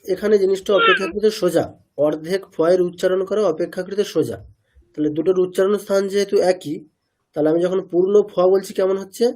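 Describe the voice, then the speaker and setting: A man's voice: sits high, fairly even intonation, fast talker, darkish tone. A man teaching pronunciation in an online class, asking students questions, repeating their answers and sounding out syllables again and again. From India.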